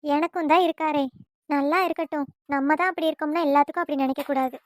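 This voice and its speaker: A woman's voice: high voice, steady tone, fast talker, dry recording, studio quality, natural voice. A woman voicing an envious elder sister-in-law in a family cartoon, muttering wistfully.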